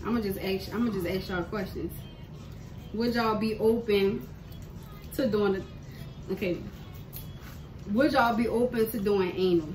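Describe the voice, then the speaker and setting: A woman's voice: medium pitch, a little slow, pauses often, a little mellow, soft background music. A young woman with a New Orleans accent hosting a casual mukbang chat, bubbly and laughing often in loose slangy talk. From New Orleans, USA. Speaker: host. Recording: echoey room, mic at a distance, noisy.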